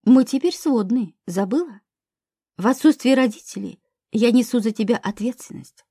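Woman doing a taunting young stepbrother, husky and mellow, lightly growled. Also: a little high, normal speed, no room sound, clean studio sound. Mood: mocking. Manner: mocking, growling. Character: brash mocking young male stepbrother.

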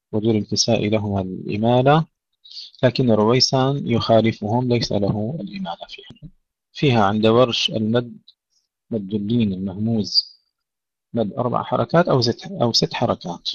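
A man teaching a tajweed lesson, reciting words slowly to demonstrate and correcting common mistakes. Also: lowish voice, no room sound. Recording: dry, dull lo-fi audio.

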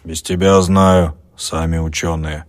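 A man voicing a gruff, boastful peasant innkeeper who talks loud, rough and threatening. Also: very deep voice, level tone, unhurried.

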